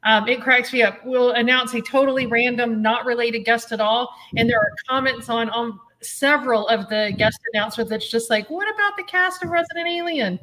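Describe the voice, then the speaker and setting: A woman's voice: fairly high pitch, little pitch movement, moderate pace, few pauses, fairly bright tone. A woman who runs a convention, talking casually in an interview and laughing easily. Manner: chatty, laughs often. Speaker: convention director.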